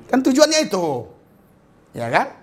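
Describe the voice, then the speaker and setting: A male pastor preaching a sermon, jumping in pitch and loudness for emphasis and acting out the people he quotes. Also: wildly swooping pitch, a little slow. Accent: Indonesian.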